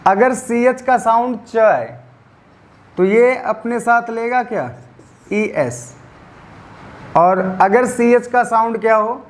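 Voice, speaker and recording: A man teaches English grammar in a high-pitched voice. He spells endings out letter by letter and slows down on them. He keeps asking the class questions and answering them himself. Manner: spells out letters slowly, stresses pronunciation. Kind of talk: classroom lecture.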